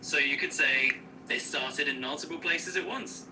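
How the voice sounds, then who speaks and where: A man's voice serving as an AI co-host, answering questions in a smooth, upbeat, explanatory way with casual slang. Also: fairly high pitch, normal speed, far from the mic, noisy background. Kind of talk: conversational Q&A co-hosting.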